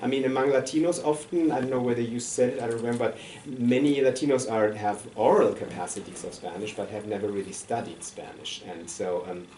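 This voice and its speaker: A man's voice: mid-range voice, normal speed, dark tone. A man commenting at an academic discussion, speaking hesitantly with many fillers. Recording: roomy distant sound with faint noise.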